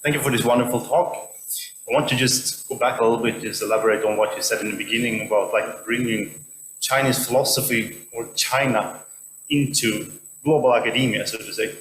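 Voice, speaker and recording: Man from sweden asking a question, stops and restarts a lot, middle pitch, roomy hall. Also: fairly even intonation, a bit bright. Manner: halting, many "I mean" restarts. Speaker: audience member asking a question. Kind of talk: academic Q&A question. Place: lecture hall. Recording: echoey hall with faint hum.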